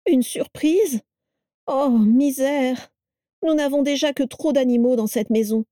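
A woman voicing a shrill, complaining young wife who is high-strung and theatrical. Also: measured pace, mellow, dry recording, clean studio sound. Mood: whining.

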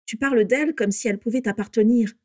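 A woman's voice: fairly high pitch, quick pace, mellow, dry recording, studio quality, natural voice. A woman reading aloud voices a proud, defiant teenage boy who talks with cool mockery.

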